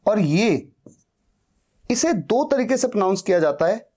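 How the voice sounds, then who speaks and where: Slow, patient male teacher. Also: high voice, big pitch swings, a little mellow. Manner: patient, spells out words and repeats them. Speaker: English teacher. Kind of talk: slow spoken-English lesson.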